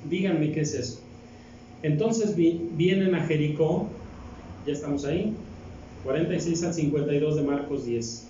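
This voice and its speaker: A man's voice: fairly high pitch, normal speed, warm tone, a little hiss or hum. A man with a Mexican accent, a deacon preaching a sermon and reading scripture, asking the congregation question after question. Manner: asks the congregation rhetorical questions. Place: church hall. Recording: very echoey hall, distant mic, dull sound.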